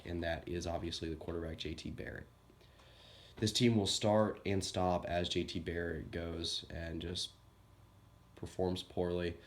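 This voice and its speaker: The voice is low and darkish, from a young man who's sick and coughing. As a sports YouTuber, he delivers a casual, wandering college football team preview on his channel and keeps correcting himself.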